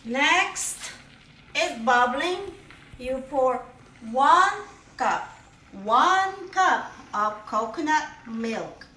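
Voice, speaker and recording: With a high-pitched, pushed and bright voice, this middle-aged home cook draws out her words and lets her intonation rise and fall in a lively way. She narrates each step of her casual kitchen vlog playfully, with cheery exclamations, and she's recorded from a distance in an echoey room.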